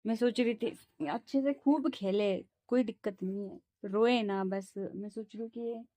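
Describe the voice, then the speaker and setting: Young woman, home vlogger mum, warm low-key delivery, dry close phone sound. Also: dry recording. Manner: soothing sing-song coaxing to her baby. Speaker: mother vlogging her day. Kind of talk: casual home vlog talk.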